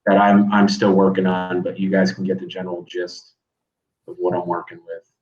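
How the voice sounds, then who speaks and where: A man appearing as a guest coach talks frankly and casually on a video call, repeating words as he goes in this relaxed interview chat. His voice is low-pitched and monotone at a normal speed. The call audio sounds echoey and dull.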